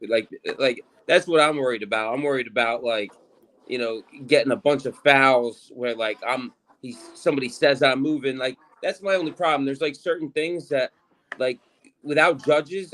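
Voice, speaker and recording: A man chatting casually as an athlete, in a halting, repetitive way with lots of filler words. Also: mid-range voice, a bit bright. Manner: halting, repeats himself, fills with "like". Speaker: arm wrestling competitor. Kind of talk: casual chat on a live stream.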